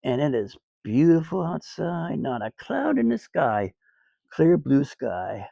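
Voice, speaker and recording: Slow, gravelly man in a laid-back vlog. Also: fairly high pitch, very animated, warm tone, no room sound, highs cut off. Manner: laid-back, rambling, crude jokes, many fillers. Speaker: cigar reviewer, channel host. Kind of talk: casual outdoor cigar review vlog. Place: outdoors on a sunny day.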